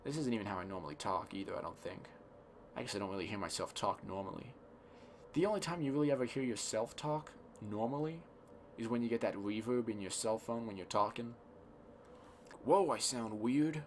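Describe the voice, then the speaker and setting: Tired young man, low cracky voice, soft R's. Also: quick pace, a little hiss or hum. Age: young adult. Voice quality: soft, imprecise R sounds. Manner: meandering, self-deprecating, thinking aloud. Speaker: podcast host. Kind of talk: rambling casual solo podcast talk. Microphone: close podcast microphone.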